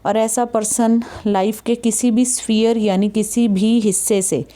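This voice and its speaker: A woman's voice: on the high side, level tone, mellow. Patient Indian woman teaching English. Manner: patient, repeats "ठीक है" to check understanding; reads English passages slowly and deliberately. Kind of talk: explaining a textbook chapter to students.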